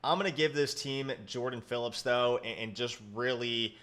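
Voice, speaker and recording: A man's voice: mid-range voice, normal speed, fairly bright tone. A young man with hiccups giving casual, rambling commentary on a football mock draft, often correcting himself. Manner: rambling, self-correcting, lots of fillers. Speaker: sports YouTuber.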